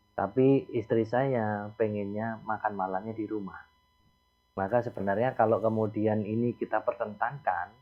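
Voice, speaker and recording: A man, a psychologist guest calmly explaining ideas on a call-in radio show, repeating his key points. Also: on the low side. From East Java. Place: outdoors near a beach. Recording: tinny phone line.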